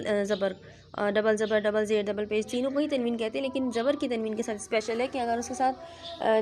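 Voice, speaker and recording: A woman teaches a recitation lesson, explaining each point with patience and stopping often to check understanding. Her voice sits a little high. A faint hiss runs under the recording. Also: darkish tone. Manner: patient, explanatory, frequent "theek hai" check-ins. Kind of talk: online children's lesson.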